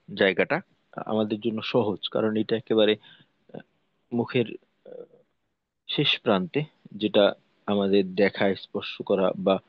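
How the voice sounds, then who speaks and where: A Quran recitation teacher gives a lesson on pronouncing Arabic letters, patiently repeating his points and demonstrating each sound. His voice sits on the low side, and the recording is dry and lo-fi.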